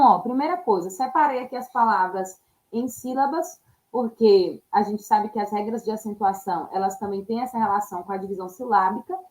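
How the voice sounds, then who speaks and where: Woman, teacher, slightly high voice, patient step-by-step explaining, frequent check-in tags. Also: darkish tone, rough recording. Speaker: Portuguese teacher. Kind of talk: exam-prep lesson.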